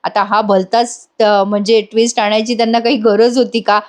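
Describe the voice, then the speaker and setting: A woman's voice: medium pitch, little pitch movement, normal speed. A woman giving a chatty voice-over review of a TV serial episode, addressing her viewers directly and teasing them.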